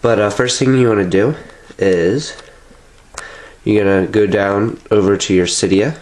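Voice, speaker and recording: A young tech tutorial host with a cold-stuffed nose chats loosely through a step-by-step how-to, peppering it with filler sounds. His voice is lowish, darkish and steady at a measured pace. He's recorded indoors at home on a nearby camera with a little hiss or hum.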